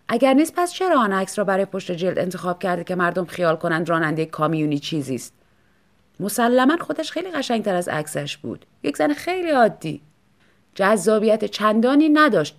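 A woman narrating a story in a calm, even audiobook reading. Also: medium pitch.

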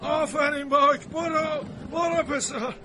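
A man doing a high-pitched, fervent dog owner. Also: steady tone, background noise. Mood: urging. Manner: fervent, urging. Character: devoted male dog owner, kind and stubborn. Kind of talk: storybook reading.

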